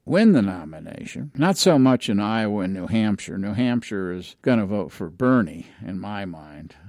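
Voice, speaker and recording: A man's voice: fairly low pitch, darkish tone, no echo, clean studio sound. A man giving solo political commentary in an opinionated, emphatic way, with frequent restarts.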